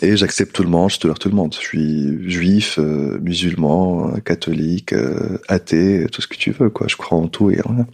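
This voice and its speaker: Low gravelly guy chatting on a podcast, keeps stumbling and restarting. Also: normal speed, few pauses, a little mellow. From Tunisia. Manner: hesitant, many restarts and repeated words. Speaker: podcast guest. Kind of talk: casual conversation.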